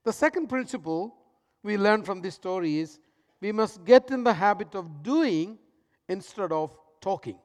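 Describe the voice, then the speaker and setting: A man with a high-pitched voice preaching a sermon in a big echoing church hall. He pushes some lines out loudly, then drops others to a near-whisper. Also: expressive, unhurried. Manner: dramatic swings between loud emphasis and hushed, soft lines. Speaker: pastor.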